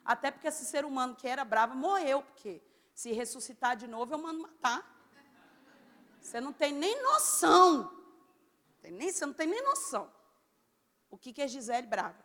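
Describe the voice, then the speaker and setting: A woman preaching a sermon, loud and very expressive. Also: high voice, a little fast, in a large hall. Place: church.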